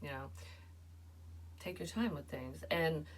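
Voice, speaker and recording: Low-voiced chatty woman reading tarot. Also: slow, far from the mic. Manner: chatty, rambling, full of "like" and "you know". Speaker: tarot reader. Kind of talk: casual tarot reading monologue.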